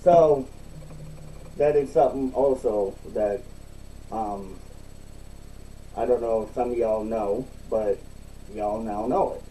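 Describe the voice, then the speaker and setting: A man giving a casual, unscripted review in a halting, repetitive way, recorded slightly away from the mic. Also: fairly low pitch, dark tone, recorded from a distance, a little hiss or hum, poor audio. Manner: halting, repeats himself. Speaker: product reviewer.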